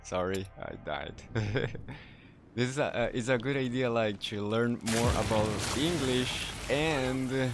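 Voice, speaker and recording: A man streaming a game in casual chat, speaking careful non-native English, halting and self-correcting, laughing often. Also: medium pitch, over music.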